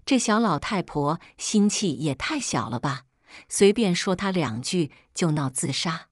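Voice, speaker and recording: A woman voicing a spiteful, shrill middle-aged mother with a mocking way of talking. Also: lively intonation, measured pace, no room sound, studio quality. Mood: flustered.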